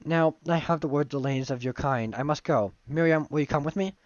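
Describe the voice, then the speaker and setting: Stiff formal alien classmate read by a streamer guy, flat delivery, slightly muffled. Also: a little high, a little fast, no room sound, natural voice. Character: stiff alien male classmate from another dimension. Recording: dull dry stream audio.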